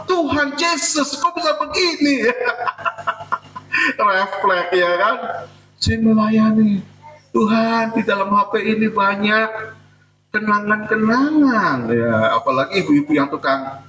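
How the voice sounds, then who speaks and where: A male pastor in a church preaches in a chatty, joking way and acts out people's complaints to God. His voice sits high and sounds bright and forceful. It carries the echo of a hall and is picked up from a distance. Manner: conversational preaching with jokes and acted-out prayers. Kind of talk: sermon.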